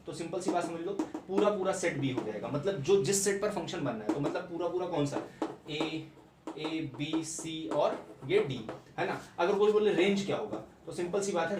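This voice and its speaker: A young man teaching maths in a classroom-style lecture, repeating key points and checking understanding with rhetorical questions. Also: fairly high pitch. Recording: echoey room, mic at a distance, background noise.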